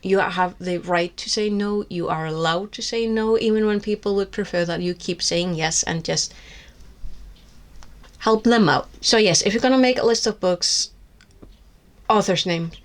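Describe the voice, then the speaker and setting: A book vlogger from Iceland, speaking with an Icelandic accent and Icelandic as her first language, gives candid, wry, rambling reviews full of restarts. She has a mid-range voice and sits indoors with books in her lap.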